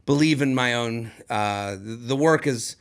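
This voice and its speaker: A man in his thirties, a comedian co-hosting a podcast, chatting casually and rambling excitedly as he promotes his work. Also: mid-range voice, takes it slowly, clear, resonant tone. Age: 30s.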